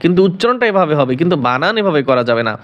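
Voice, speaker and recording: A man teaching Quran recitation to learners. He spells words out letter by letter in Bangladeshi Bengali, then chants them in a drawn-out recitation. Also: fairly high pitch, sing-song, dull audio.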